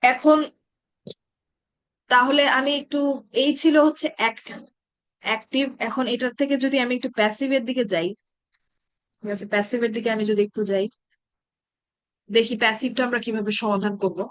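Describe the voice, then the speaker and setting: A woman teaching an online grammar class, patiently checking that students follow and reciting verb patterns slowly. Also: on the high side, steady tone, no echo.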